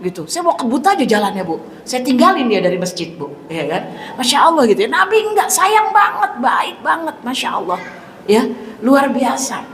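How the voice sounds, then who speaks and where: A middle-aged woman giving a mosque sermon, telling stories in a lively way and often speaking straight to the congregation. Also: sits high, slight background noise. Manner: lively storytelling, addresses the congregation constantly; acts out dialogue in raised voice. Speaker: preacher. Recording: echoey hall with faint ambience.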